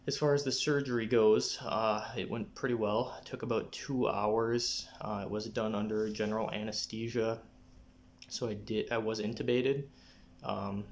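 A young adult man talking casually to camera in a personal update, often clearing his throat. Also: fairly low pitch. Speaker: vlogger giving a personal health update. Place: small living room, indoors. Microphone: phone or camera at arm's length.

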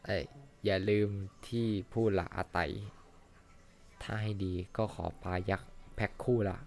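A man's voice: deep voice, steady tone, measured pace, darkish tone. A man voicing a harsh middle-aged male boss in a fan-dubbed cartoon, talking in a scornful, insulting way. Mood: demanding. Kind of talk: Thai fan dub of an animated series.

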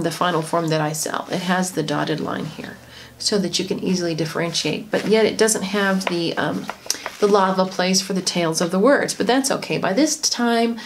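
A woman, a homeschooling mother, gently and chattily explaining a lesson in an instructional tutorial. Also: fairly low pitch. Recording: noisy home recording.

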